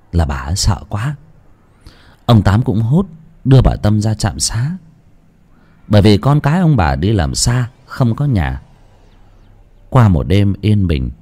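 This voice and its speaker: A man narrating a ghost story with dramatic, lively storytelling. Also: fairly low pitch. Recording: music under the voice.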